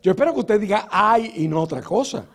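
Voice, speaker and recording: A man's voice: high-pitched, expressive, fairly quick, breathy edge. A man preaching a sermon, teaching Bible verses with rhetorical questions and frequent filler sounds.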